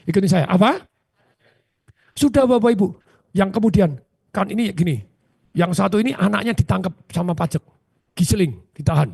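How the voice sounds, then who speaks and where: A man leads a motivational seminar and keeps asking the crowd rhetorical questions. His voice sits high and gravelly with a husky grain. It sounds close and dry. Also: moderate pace, pauses often, dry recording. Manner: animated, with frequent rhetorical questions to the audience. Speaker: seminar speaker.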